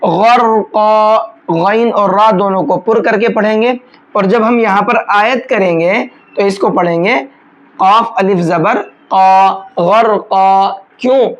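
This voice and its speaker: A Quran recitation teacher with a mid-range voice gives a tajweed lesson, patiently explaining each rule step by step and breaking into slow, drawn-out chanting of single words. The recording is muffled.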